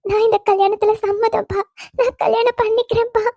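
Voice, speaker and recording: Meera, an earnest devoted young daughter. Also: female voice, very high-pitched, little pitch movement, brisk, dark tone, dry recording, clean studio sound. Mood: tearful. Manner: earnest, speaks with resolve. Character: dutiful young woman devoted to her father. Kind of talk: cartoon voice acting.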